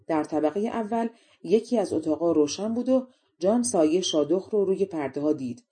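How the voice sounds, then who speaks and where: Breathy, warm woman telling a fairy tale. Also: fairly low pitch. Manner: calm, even storytelling. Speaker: audiobook narrator. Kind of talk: storybook narration.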